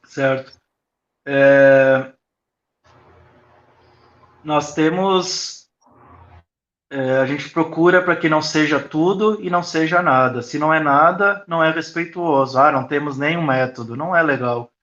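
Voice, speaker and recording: A man, a school founder, answering interview questions in a reflective, explanatory way with frequent pauses. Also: a little high, a bit bright. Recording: echoey, dull lo-fi video call audio.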